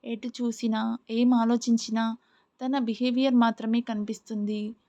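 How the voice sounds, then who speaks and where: A woman's voice: a little high, level tone, unhurried, dark tone. Smitten college guy, earnest and kinda brooding, woman reading him, muffled audio. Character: lovestruck young male college student. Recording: muffled lo-fi recording.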